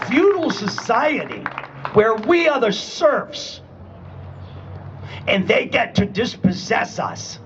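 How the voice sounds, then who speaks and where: Music plays behind a very high, sing-song male voice that moves slowly and pauses often, with highs cut off. The speaker, a retired Army man in his sixties from Rhode Island and Connecticut, uses a New England accent at a state capitol rally, talking conversationally and emphatically and checking in with "okay?"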